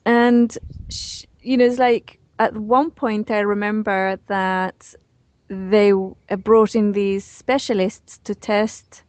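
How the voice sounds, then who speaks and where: Speaking slowly in a level, medium-pitched voice with a darkish tone, this interview guest is a woman in her forties from Chile sharing casual stories. There is no room sound. Her phrasing is hesitant and full of fillers and restarts, and laughter comes easily to her.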